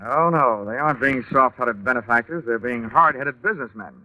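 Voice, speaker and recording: A man's voice: mid-range voice, fairly quick, lightly acted. A man playing a dry, wisecracking insurance investigator who narrates, in 1950s radio detective style. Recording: muffled old radio recording with music.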